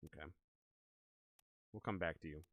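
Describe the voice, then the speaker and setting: A man livestreaming a video game, chatting casually and excitably with viewers in an animated, exclaiming way. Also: a bass voice, moderate pace, a little hiss or hum. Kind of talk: casual livestream gaming chat and commentary.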